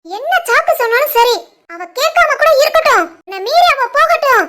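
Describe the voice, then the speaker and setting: A woman plays a furious middle-aged mother-in-law from a village in an animated family drama, and the performance is heavily acted. She uses a Tirunelveli Tamil accent, speaking at normal speed with a shrill, scolding delivery.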